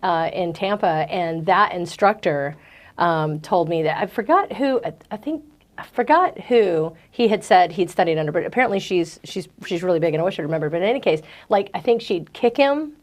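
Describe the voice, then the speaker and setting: A woman's voice: lowish voice, lively intonation, brisk. Chatty woman hosting an interview. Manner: chatty, hesitant, full of fillers and restarts. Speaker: interview host. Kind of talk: casual interview chat.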